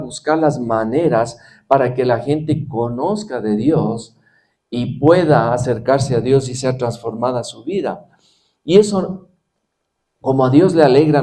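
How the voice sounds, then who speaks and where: A man's voice: mid-range voice, dark tone. A middle-aged man preaching a sermon in an earnest way, reading scripture aloud and repeating it with emphasis.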